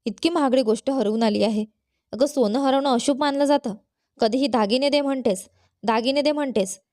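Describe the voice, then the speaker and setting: A suspicious, short-tempered mother-in-law from a storybook, scolding in sharp, accusing bursts, as a woman reader puts her on. The voice sits fairly high but sounds mellow and dry, close to the mic. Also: normal speed, no echo, close to an everyday voice.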